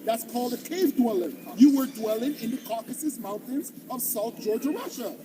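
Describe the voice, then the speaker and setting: A man's voice: extremely high pitch, expressive, normal speed. A man from Jamaica preaching on the street, emphatic and confrontational, firing rhetorical questions. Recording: distant mic, clear street traffic noise.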